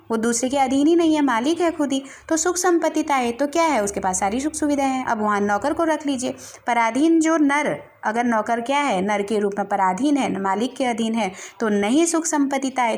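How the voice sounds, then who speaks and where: A woman with a high voice gives a literature lesson. She explains each point patiently and reads the verse lines slowly and carefully, recorded on a phone. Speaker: Hindi literature teacher.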